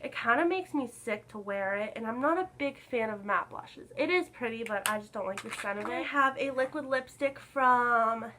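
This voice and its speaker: A young woman vlogger chatting casually to camera about makeup, a little hoarse from being sick, filling her talk with "like.". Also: a little high, normal speed, few pauses, noisy background. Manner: chatty, lots of "like" fillers. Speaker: beauty vlogger.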